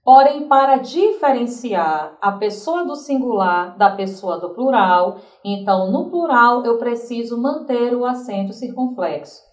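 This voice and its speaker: A woman teacher with a Brazilian Portuguese accent explaining grammar rules, repeating examples slowly and checking in with the class. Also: a little high, animated. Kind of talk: recorded grammar lesson. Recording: roomy, from a distance.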